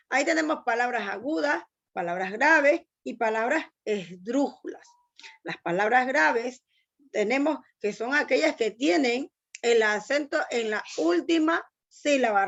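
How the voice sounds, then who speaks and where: A woman's voice: high voice, fairly bright tone, muffled recording. A woman teacher giving an online language lesson, patiently explaining step by step and asking students to read aloud.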